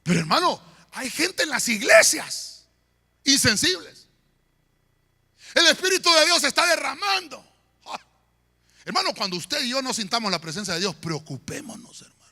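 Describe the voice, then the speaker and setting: A pastor preaching a sermon in a church, swinging between shouts and quiet murmurs. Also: male voice, extremely high pitch, very animated, moderate pace, long pauses. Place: church sanctuary. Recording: long church hall reverb.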